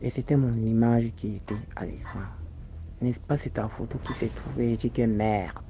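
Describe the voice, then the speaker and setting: Halting Cameroonian man telling a story. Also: medium pitch, fairly even intonation. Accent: Cameroonian French. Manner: halting, many restarts and fillers. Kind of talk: casual first-person storytelling. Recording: dull lo-fi audio with faint noise.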